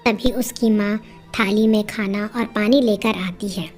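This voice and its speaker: A woman narrating a moral story in a plain, steady storytelling manner. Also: medium pitch, measured pace, faint music behind.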